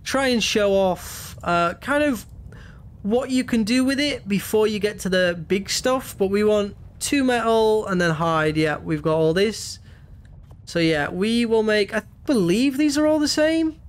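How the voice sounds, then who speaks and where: A young man hosting a gaming video, giving casual gameplay commentary and thinking aloud with many restarts. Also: sits high.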